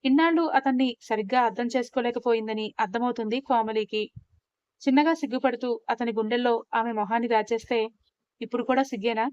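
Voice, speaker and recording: A woman narrating a romantic audio story in a steady, expressive way. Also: fairly high pitch, brisk, smooth, dry recording, muffled recording.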